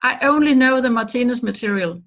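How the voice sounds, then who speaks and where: Gravelly woman on a dull line. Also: fairly high pitch, lively intonation, a bit bright. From Denmark. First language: Danish. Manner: earnest, halting with restarts. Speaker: guest author. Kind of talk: remote interview answers. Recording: dull lo-fi call audio.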